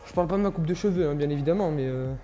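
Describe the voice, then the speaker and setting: A man's voice: a little high, very fast, dark tone, echoey room. A man giving casual, slangy running commentary as he explores a place, speaking to his viewers with awe. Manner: slangy, awestruck, addresses viewers. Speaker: vlog host. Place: exploring inside and around an abandoned building. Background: music.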